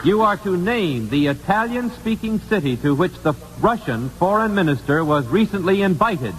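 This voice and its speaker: Hosting a 1950s live radio quiz, this man has a high, expressive voice at normal speed, with faint music behind him. His manner is conversational yet polite and formal. Expect the long reverb and light hiss of an old radio recording.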